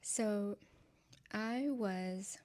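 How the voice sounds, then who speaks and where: At an extremely slow pace and medium pitch, a woman in her twenties from Nepal, a native Nepali speaker, earnestly and softly shares her personal testimony with her channel's viewers. She says um a lot and laughs lightly.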